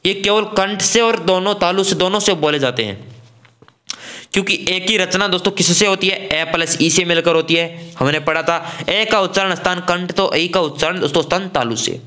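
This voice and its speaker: A man's voice: sits high, pushed and bright. A man teaching an online exam-prep grammar class from Rajasthan, talking casually to students as friends and sounding out vowel examples.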